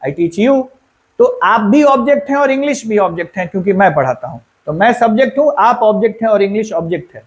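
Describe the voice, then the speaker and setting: A high-voiced male English teacher runs through a grammar lesson step by step, posing questions to the class and answering them himself. He slows right down when repeating the example sentences.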